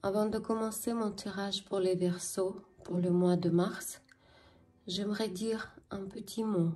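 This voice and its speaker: Femme à l'ukrainien, lente et grave. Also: female voice, medium pitch, steady tone, a little mellow. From Ukraine. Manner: slow and earnest, some words half-whispered. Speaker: tarot reader. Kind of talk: tarot reading for viewers.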